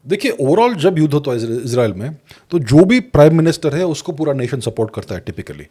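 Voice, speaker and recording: A man with an Indian accent giving measured podcast analysis, switching between Hindi and English and restarting words as he goes. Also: a little high, very animated, warm tone, slightly rough. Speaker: guest geopolitics commentator.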